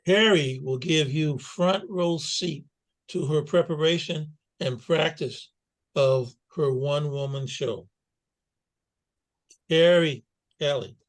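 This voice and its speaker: A man hosting a club meeting on a video call, reading out a formal introduction of the guest in a measured way. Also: a little high. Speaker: meeting host.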